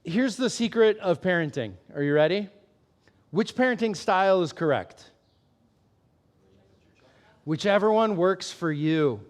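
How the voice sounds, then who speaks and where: High-voiced man preaching casually. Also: lively intonation, measured pace, long pauses. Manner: candid and self-deprecating, laughs often, asks the room questions. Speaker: pastor. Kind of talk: conversational sermon.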